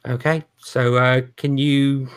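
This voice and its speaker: A man's voice: mid-range voice, little pitch movement, slow pace, clear, resonant tone. A man narrating a tabletop role-playing game as game master, hesitant and full of fillers.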